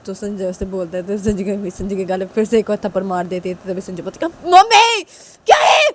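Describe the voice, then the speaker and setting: A woman's voice: medium pitch, flat delivery, fast talker, heavy background noise. A woman narrating a romance story episode in a plain, repetitive retelling style.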